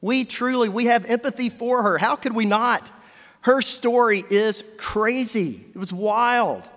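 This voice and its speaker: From the pulpit, a high-voiced pastor preaches unhurriedly in a fairly bright tone, putting questions to his congregation. The long reverb of the church hall carries his words.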